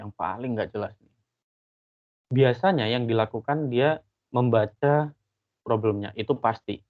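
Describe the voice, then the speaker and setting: Man lecturing over a tinny line. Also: mid-range voice. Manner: casual, explanatory, frequent fillers. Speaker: university lecturer. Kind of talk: online lecture.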